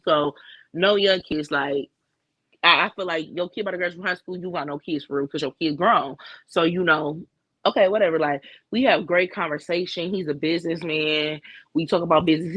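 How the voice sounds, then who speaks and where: A woman's voice: sits low, a bit bright, no room sound, dull audio. A woman co-hosting a casual chat, telling a candid, profane dating story full of fillers. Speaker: co-host.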